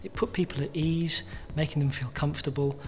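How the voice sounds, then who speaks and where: Speaking briskly in a voice on the high side, a male charity spokesperson lays out research findings in a formal way. Soft music plays underneath.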